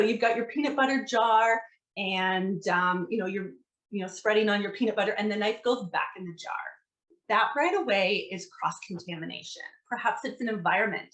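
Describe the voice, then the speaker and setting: A woman dietitian giving a relaxed online presentation to teachers, conversational with lots of fillers and a dry sarcastic streak. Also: medium pitch, low-quality recording.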